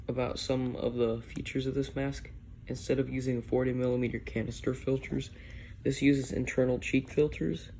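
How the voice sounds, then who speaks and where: Guy casually showing off gear, pretty monotone, kinda tentative, slightly noisy homemade recording. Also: mid-range voice, creaky. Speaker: gas mask reviewer. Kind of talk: casual hands-on product review. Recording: noisy amateur video.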